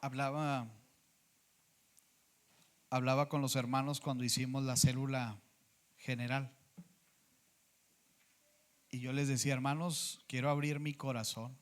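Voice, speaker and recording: A man's voice: medium pitch, flat delivery, measured pace, long pauses. A man preaching a sermon as pastor, earnest, often acting out what people said to him. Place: church sanctuary.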